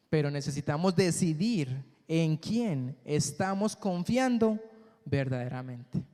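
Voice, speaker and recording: Preacher man in a reverberant church. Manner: call-and-response questions to the congregation; dramatic swings between loud high peaks and soft low endings. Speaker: pastor. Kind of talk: sermon. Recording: long church hall reverb.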